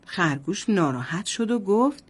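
A woman's voice: medium pitch, expressive, slightly rough. Sing-song woman telling a bedtime story. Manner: sing-song, addressing children. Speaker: children's storyteller.

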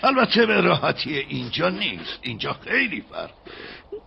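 A stern gravelly estate master. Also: male voice, fairly high pitch, wildly swooping pitch, full character voice. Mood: lecturing. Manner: lecturing, condescending. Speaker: dub actor. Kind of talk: dubbed period drama. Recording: dull muffled audio with faint hiss.

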